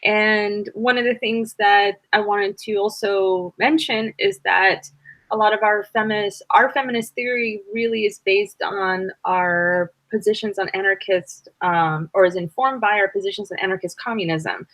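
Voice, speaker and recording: Woman from the US, panel speaker, measured, some fillers, dry. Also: medium pitch, fairly even intonation, fairly bright tone, no echo. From United States. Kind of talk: presentation over a video call.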